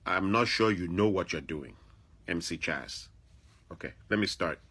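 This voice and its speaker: Speaking straight to the camera, an African vlogger delivers emphatic commentary in a deep, husky, sharp voice at an unhurried pace. He repeats his points to drive them home.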